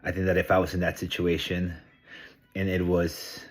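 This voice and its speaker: Man from Peru, very low voice, middle-aged, earnest vlogger thinking aloud to camera. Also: completely flat delivery, moderate pace. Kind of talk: casual monologue to camera.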